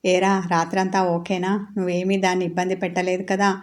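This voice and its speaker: A woman voicing a fond, knowing middle-aged mother in a romance story, in a flat voice. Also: fairly low pitch, a little fast, natural voice. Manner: flat, even reading voice.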